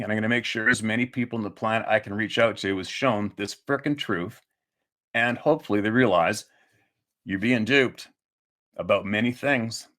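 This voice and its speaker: A man's voice: on the low side, a bit bright. A man giving a heated, profane monologue to his audience, growing angrier as he goes and often restarting his sentences. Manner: angry, profane, emphatic ranting; repeats himself and restarts mid-sentence.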